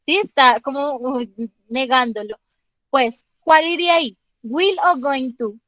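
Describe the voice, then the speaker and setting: A woman's voice: high voice, unhurried, sharp tone, dry recording, low-quality recording. A woman teacher explaining grammar in an online class, patiently checking understanding with frequent questions and calling on students by name. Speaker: English teacher.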